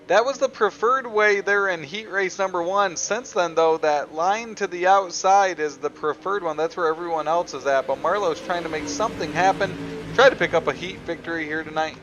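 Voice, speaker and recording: A man's voice: high voice, normal speed, fairly bright tone. A man calling a race live as a motorsport commentator, announcing in short, clipped play-by-play phrases.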